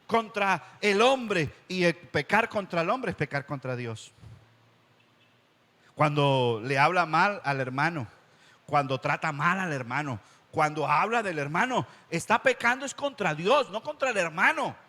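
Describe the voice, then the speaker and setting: A male pastor, preaching in a voice set a little higher than most men's. He repeats words for emphasis and now and then slips into a whiny voice for the doubters in his flock. A long church-hall reverb trails each phrase. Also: animated, measured pace, bright, forceful tone. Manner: acts out church members' objections in a higher whiny voice. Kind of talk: sermon.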